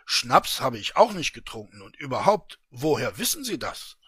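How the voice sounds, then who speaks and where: A man's voice: mid-range voice, big pitch swings, moderate pace, breathy edge, no echo, clean studio sound, full character voice. A man voicing a blustering secret-office chief. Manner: loud, scolding, sarcastic. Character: bullying, blustering male head of a secret office.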